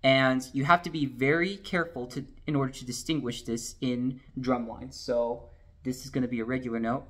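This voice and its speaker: A man's voice: mid-range voice, steady tone, normal speed, fairly bright tone. A man teaching drumline sheet music, explaining patiently and counting and singing the rhythms aloud. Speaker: drumline instructor.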